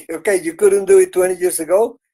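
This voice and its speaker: Warm-voiced man in his sixties. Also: high-pitched, steady tone, a little fast. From Venezuela. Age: 60s. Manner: earnest, encouraging storyteller. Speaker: host. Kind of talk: casual chat on a live audio stream.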